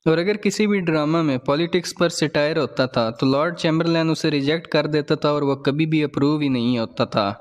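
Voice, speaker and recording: A man lecturing in a steady, explanatory way, defining each term and then restating it in simpler words. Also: a little high, fairly quick, hardly any pauses. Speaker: teacher. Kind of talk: scripted lecture narration.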